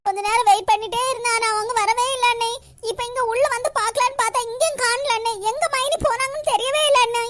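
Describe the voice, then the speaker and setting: A woman's voice: very high voice, fairly even intonation, quick pace, a bit bright, no echo. A woman with a Kanyakumari Tamil accent voicing a worried young woman in a cartoon, pleading tearfully with her brother. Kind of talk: animated comedy cartoon dialogue.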